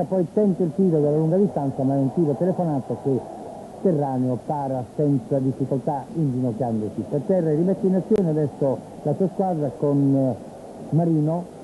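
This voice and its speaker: A man from Italy giving live football play-by-play commentary on television, in a measured, descriptive way with pauses. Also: fairly high pitch. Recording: tinny phone-like old TV broadcast, noisy stadium. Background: stadium ambience.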